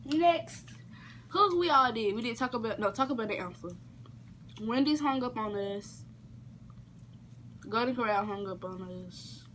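A woman's voice: on the high side, lively intonation, measured pace, long pauses, a bit bright. A young woman chatting casually and bluntly, teasing, in a bedroom. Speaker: prank-call vlogger. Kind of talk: casual chat, joking banter. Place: bedroom, camera on the bed at arm's length. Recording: noisy home camera audio.

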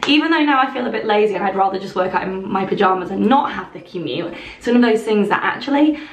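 A woman's voice: mid-range voice, expressive, fast. A young woman in her twenties chatting enthusiastically to camera in a casual vlog. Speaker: lifestyle vlogger. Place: bedroom walk-in wardrobe, indoors. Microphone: camera on a stand, close. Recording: roomy echo.

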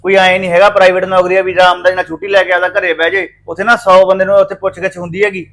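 A man plays an impatient husband who talks fast in a fairly high voice with a Punjabi accent. He argues and tries to smooth things over. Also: level tone, fairly bright tone. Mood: arguing. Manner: impatient, arguing. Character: husband arguing with his wife over tea and chores.

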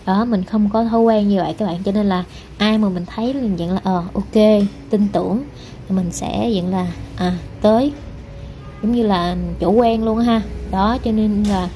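A woman's voice: medium pitch, warm tone. Rambling woman vlogger. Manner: rambling, many fillers, addresses viewers directly. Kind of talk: casual vlog narration. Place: hair salon, indoors. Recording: noisy background.

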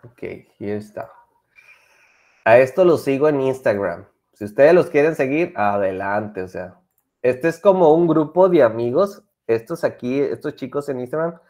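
Lively bilingual teacher. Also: male voice, mid-range voice, a little slow. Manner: lively, mixes Spanish and English, coaxing students. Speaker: English teacher. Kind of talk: online class for children.

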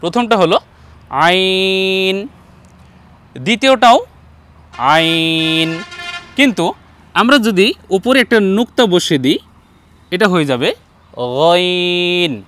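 A man's voice: high-pitched, sing-song, fairly bright tone. A man teaching a Quran reading lesson, patiently guiding viewers and drawing out each letter sound for them to repeat. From Bangladesh. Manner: patient, addresses viewers directly, drawn-out letter sounds for repetition. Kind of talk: step-by-step pronunciation lesson.

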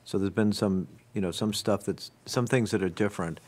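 A man's voice: lowish voice, brisk, a little mellow. A man presenting a town budget at a select board meeting, explaining line items step by step into a table microphone in a meeting room. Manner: explanatory, walking through budget lines.

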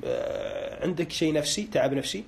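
A man's voice: a little high, huge pitch swings, a little fast, vocal fry, slightly rough. A man on a live broadcast, interpreting dreams and asking callers short questions, with a pious, hedging way of speaking. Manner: hedging with religious phrases.

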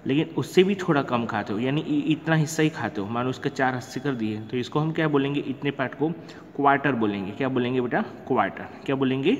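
A man's voice: medium pitch, fast, big-room sound, highs cut off, a little hiss or hum. A man teaching a primary school lesson, chatty, often asking a question and answering it himself. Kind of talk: recorded classroom lesson.

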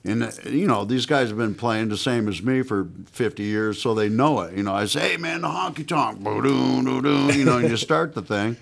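This is a US man in his sixties, a guest musician chatting casually in a small radio studio, speaking into a stand mic set at his guitar. His mid-range voice is creaky and fairly quick, with hardly any pauses, and he's laid-back, dropping "man" and "you know" throughout.

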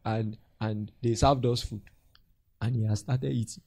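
Pastor guy teaching, acts out little stories, dry sound, kinda husky. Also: on the low side, measured pace, no echo. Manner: animated storytelling, acts out voices and laughs often. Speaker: pastor and mentor. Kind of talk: mentorship teaching to a group.

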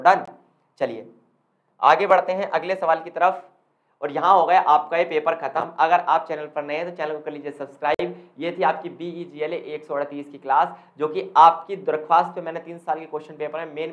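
Emphatic male exam tutor, lo-fi. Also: on the high side. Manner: emphatic, repeats key points to students. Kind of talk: exam revision lesson.

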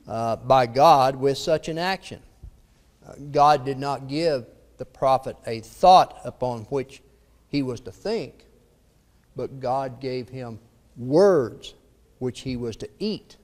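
A man's voice: medium pitch, darkish tone. A male preacher gives a Bible lesson in a church, reading scripture aloud with rising emphasis. He then explains the passages in a plain teaching voice, with an occasional "uh" between thoughts. His mid-range voice rings with the long reverb of the hall. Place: church auditorium.

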